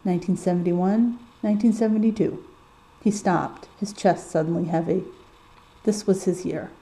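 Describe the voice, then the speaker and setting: A woman reading a story aloud in calm, measured audiobook narration. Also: fairly low pitch, rough recording. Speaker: story reader. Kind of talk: audiobook narration of fan fiction.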